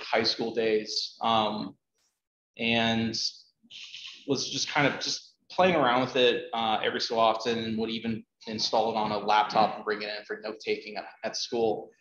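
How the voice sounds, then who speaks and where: A man speaking at a meetup, answering audience questions in a relaxed, hesitant way with many ums and uhs. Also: mid-range voice. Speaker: conference speaker. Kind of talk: conversational Q&A talk. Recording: roomy, dull, faint noise.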